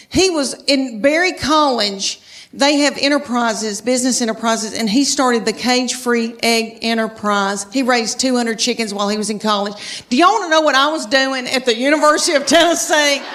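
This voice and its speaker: A woman's voice: a little high, fairly bright tone. A woman in her fifties with a Southern American accent, doing a chatty stand-up comedy routine and talking straight to the crowd. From Southern United States. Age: 50s. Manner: chatty, drawling, addresses the crowd directly. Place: comedy stage before a live audience.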